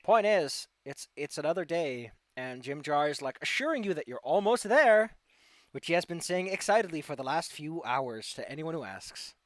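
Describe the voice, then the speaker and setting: A man's voice: fairly high pitch, big pitch swings, moderate pace, no echo. A man narrating casually as game master of a tabletop game, with a playful, teasing manner.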